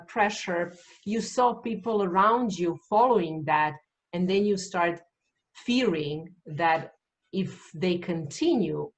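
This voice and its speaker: A woman from Serbia, interviewing and slowly summarizing what she hears. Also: medium pitch. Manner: slow, summarizing, searching for words. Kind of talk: reflective interview questions.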